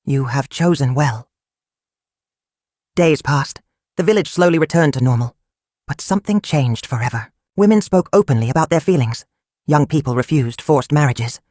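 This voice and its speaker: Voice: medium pitch, a little mellow, dry recording, studio quality. A storyteller narrating a folktale in short, simple, clipped sentences.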